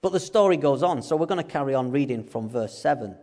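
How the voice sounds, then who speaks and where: A man's voice: medium pitch, animated, fast talker, a little mellow. A male preacher who gives a chatty, jokey sermon in a storytelling style. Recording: long hall reverb.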